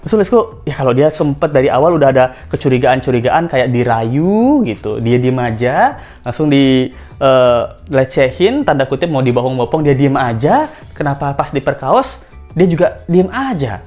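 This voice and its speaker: This is a woman commenting casually for an online audience. Her voice sits low but moves a lot, rising and falling through her questions. She slips into little acted-out quotes, and soft music plays faintly behind her. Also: lively intonation, moderate pace. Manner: chatty, rhetorical questions, acts out quoted lines. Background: faint background music.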